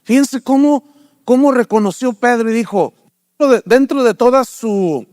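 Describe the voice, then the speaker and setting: A man's voice: normal speed, no echo, clean studio sound. An older man preaching a sermon, asking the congregation rhetorical questions and acting out characters in his stories. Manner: animated storytelling, acts out characters in raised pitch. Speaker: pastor.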